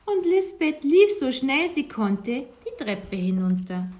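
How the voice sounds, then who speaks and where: A woman reading a children's story aloud in an expressive storytelling voice. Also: high voice, slow pace.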